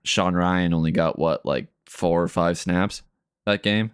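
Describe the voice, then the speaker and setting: A man co-hosting a casual sports podcast, giving measured, laid-back analysis of football players. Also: sits low, clean tone, no echo, studio quality. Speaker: podcast co-host.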